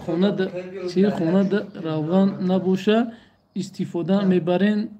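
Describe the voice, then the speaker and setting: High-voiced Tajik man, joking livestream chat. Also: steady tone, a little slow, mellow, highs cut off, a little hiss or hum. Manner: joking, speaks broken Russian in short repetitive bursts. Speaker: livestream host. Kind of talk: casual livestream chat with viewers.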